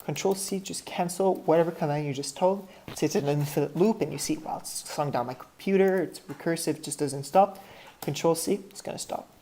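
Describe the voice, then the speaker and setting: Low, mellow woman with a French accent. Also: a little fast, a little hiss or hum. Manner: thinks aloud, restarts and self-corrects often. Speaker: tutorial instructor. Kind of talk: screen-share software tutorial.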